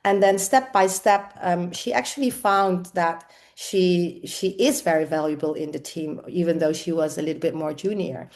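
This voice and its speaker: Middle-aged woman coach from the netherlands, lowish voice, pauses and fillers a lot. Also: steady tone, a little mellow. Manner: thoughtful, with frequent fillers. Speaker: executive and leadership coach. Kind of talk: interview answers.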